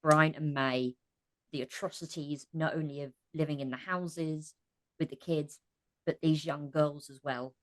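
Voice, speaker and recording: A woman from an audio drama's cast, appearing as a podcast guest, speaks casually yet passionately, earnest and emphatic, repeating phrases for emphasis. Her voice sits low with fairly even intonation and a measured pace.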